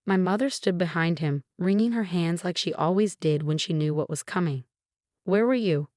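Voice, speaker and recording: Low-voiced woman narrating a story. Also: moderate pace, a little mellow, dry recording, clean studio sound. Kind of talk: scripted first-person narration.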